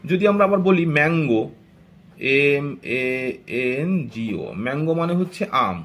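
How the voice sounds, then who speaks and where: A man's voice: a little high, animated, normal speed, a bit bright. A man teaching English grammar to learners in Bengali, explaining step by step and checking often that they follow. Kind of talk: classroom grammar lesson.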